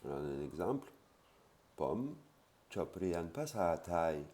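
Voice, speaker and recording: A man with a very low voice gives a casual language lesson. He says each foreign word slowly and carefully, then explains it in a relaxed way, with frequent "voilà"s. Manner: spells out Thai words slowly, then explains them; casual, with fillers like "hein" and "voilà". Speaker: Thai language teacher.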